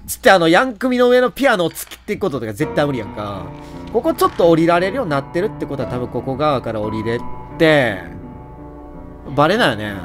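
A man with a Kansai accent giving jokey, animated running commentary on a horror game and talking to its characters. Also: a little high, fast talker, over music. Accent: Kansai Japanese. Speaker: let's play host.

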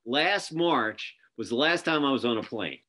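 With lively intonation and a bright, forceful tone, a middle-aged man hosts a casual video-call interview at a moderate pace, his mid-range voice filling stories with fillers and restarts. He's indoors in an office with a printed backdrop, speaking into his webcam.

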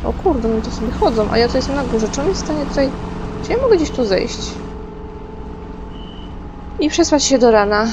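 A woman's voice: sits high, big pitch swings, normal speed, long pauses, background noise. A woman casually commenting while playing a game, talking to herself and swearing and yelping when scared. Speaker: gaming streamer. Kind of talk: casual let's-play commentary.

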